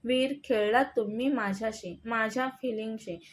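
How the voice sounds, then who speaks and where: A woman's voice: a little high, steady tone, moderate pace, a little hiss or hum, natural voice. A woman reading the part of a hurt young wife who angrily accuses her husband, in an audio story. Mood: accusing. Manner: accusing, defiant.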